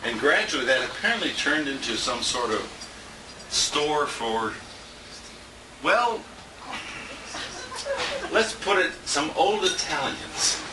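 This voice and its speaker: This tribute comes from a radio colleague at a restaurant dinner indoors: a man with a fairly high, very animated voice who takes it slowly and leaves long pauses. His anecdotes ramble and he chuckles through them. A handheld compact camera records from a distance, sounding roomy and noisy.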